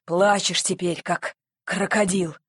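A woman's voice: on the low side, steady tone, slow, slightly rough, no room sound, clean studio sound. A woman voicing a stern male policeman who lectures a boy in a scolding, moralizing way.

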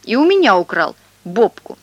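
A woman's voice: mid-range voice, sing-song, moderate pace, no room sound, lo-fi sound. A woman reading a children's story aloud, voicing a neighbor woman who screeches and scolds. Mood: scolding.

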